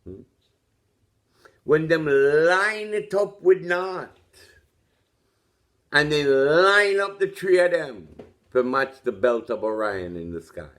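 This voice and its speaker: A man's voice: on the high side, very animated, takes it slowly, pauses often. A man with a Jamaican accent speaking without teeth, lips folding over his gums, musing and opinionated in an informal monologue full of rhetorical questions. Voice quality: toothless speech, lips folding over gums, soft consonants.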